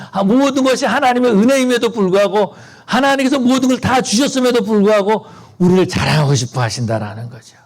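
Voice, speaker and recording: A man's voice: high voice, a little mellow. A man preaching a sermon as pastor, earnest and rising to fervent appeals to the congregation.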